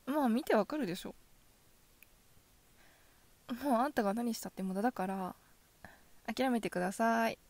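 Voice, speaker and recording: A woman voicing a possessive yandere girlfriend in a soft ASMR role-play, sweetly coaxing with quiet menace. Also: on the high side, slow pace, pauses often. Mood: coldly jealous. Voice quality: soft, often dropping in a soft voice. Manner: yandere: sugary coaxing turning quietly threatening.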